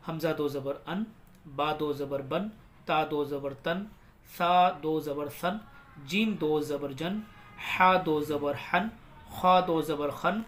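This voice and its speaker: Man slowly drilling letter sounds. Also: on the high side, fairly bright tone, slight background noise. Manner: slow drawn-out letter-by-letter drilling. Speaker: Quran reading teacher. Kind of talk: recitation lesson.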